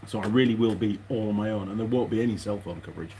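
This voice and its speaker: His voice sits on the low side and sounds mellow, though he races along. A mechanic hosting a rambling workshop vlog, he mutters to himself, hesitates and wanders off topic, while clicks and rustling parts make the recording noisy.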